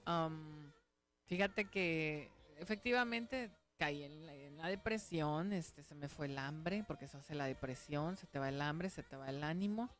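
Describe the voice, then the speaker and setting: A woman pastor gives a radio sermon in a lowish voice. She talks earnestly and conversationally, checking in with her listeners as she goes.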